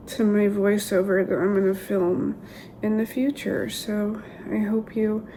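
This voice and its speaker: A young woman recording a casual video diary, halting and subdued, her voice sore and weakened after throat and sinus surgery. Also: medium pitch, steady tone, dark tone, rough recording. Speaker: vlogger. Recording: clear background ambient noise.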